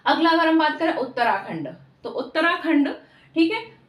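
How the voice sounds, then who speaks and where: A woman's voice: high voice, expressive, normal speed, lo-fi sound. Echoey woman teacher, voice far off. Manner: repeats questions and answers, frequent "theek hai". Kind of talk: exam-prep lesson.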